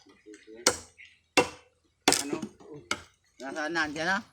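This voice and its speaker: A local woman in casual chat, answering briefly with quiet murmurs. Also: low-pitched, a little slow. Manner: short replies, quiet murmurs. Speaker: local villager. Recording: noisy outdoor recording with chopping.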